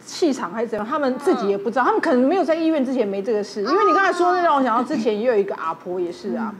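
A woman's voice: fairly high pitch, very fast. A woman, a doctor guest on a TV talk show, telling a ghost story and quoting an old patient. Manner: quotes an old patient in her dialect-flavoured speech. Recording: studio with steady background noise.

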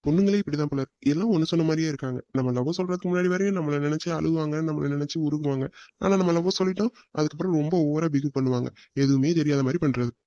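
Actor for a pleading cartoon boyfriend, quick and a little high, dry close sound. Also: male voice, mellow, no room sound, dull audio, lightly acted. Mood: teasing. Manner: coaxing, apologetic, playful. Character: young man, teasing and pleading boyfriend. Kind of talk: cartoon voice acting.

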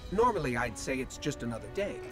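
A man doing a wry briefing soldier, lively. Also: mid-range voice, natural voice. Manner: brisk mission briefing. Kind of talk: video game voice acting. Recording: game audio with music.

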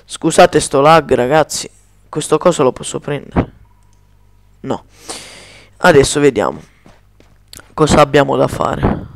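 A man giving casual gameplay commentary in speech, chatty, cursing at lag and slowly chanting spell words. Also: fairly high pitch, creaky, no room sound.

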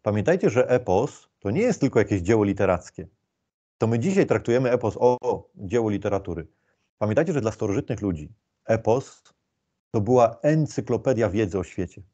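Low-voiced man giving an explanatory lecture. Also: lively intonation, a little fast, warm tone, muffled recording. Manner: explanatory, with many fillers and restarts. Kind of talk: informal lecture.

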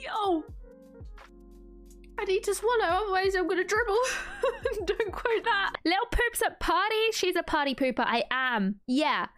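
A woman's voice: very high voice, expressive, measured pace, fairly bright tone, faint music behind. A young woman streaming a video game, chatting casually and breaking into frequent giggles and squeals. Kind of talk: casual gameplay commentary.

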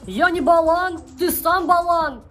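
A man voicing a cheeky, naive six-year-old boy with a childish lisp in a comedy sketch, his voice pitched up. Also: measured pace, a bit bright, soft background music. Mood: demanding, stubborn.

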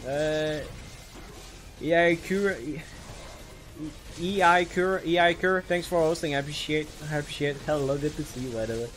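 A man commentating live on his own gameplay as a streamer, excitable and tacking "man" onto nearly every line. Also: a little high, normal speed, noisy background. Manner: excitable, repeats "man" constantly. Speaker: game streamer.

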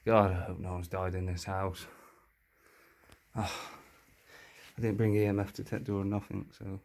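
An urban exploration vlogger picks through a cluttered, dusty abandoned house, muttering casual, sweary commentary to himself and his viewers. His voice is low, creaky and darkish, with a level tone at normal speed. It's captured on a handheld phone or camera, so the recording is noisy and full of clicks.

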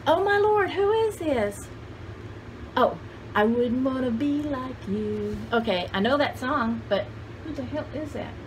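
Speaking in a high voice with lively intonation at a measured pace, this sixty-something vlogger rambles folksily and exclaims over her vintage finds, addressing the camera, herself and her viewers. She sits in a cluttered room full of shelves. The recording is rough, with slight background noise.

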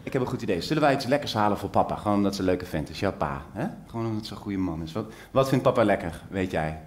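A man's voice: fairly low pitch, animated, quick pace, roomy sound, close to an everyday voice. A man on a theater stage putting on a young mother who coaxes her toddler in a patronizing, sing-song way. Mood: sugary coaxing. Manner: patronizing, overly sweet and theatrical.

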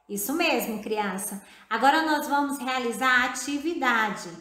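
A Brazilian woman teacher with a high voice talks slowly and patiently, addressing the child directly in a recorded video lesson. She has a Brazilian Portuguese accent and spells out words syllable by syllable. The sound is echoey, as in a bare room. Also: fairly bright tone.

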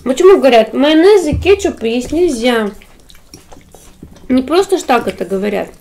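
Woman, 30s, fairly high voice, casual family mukbang table talk, dishes clinking faintly behind. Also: animated, normal speed, vocal fry, a little mellow, a little hiss or hum. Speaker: mother in a family mukbang vlog. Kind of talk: casual mealtime chat, mukbang. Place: small indoor room at a dining table. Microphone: camera across the table.

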